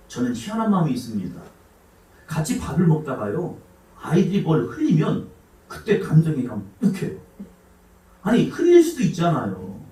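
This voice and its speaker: A man preaching a sermon as pastor, swinging from loud exhortation to hushed asides. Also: medium pitch. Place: church sanctuary. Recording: echoey church hall, mic at a distance.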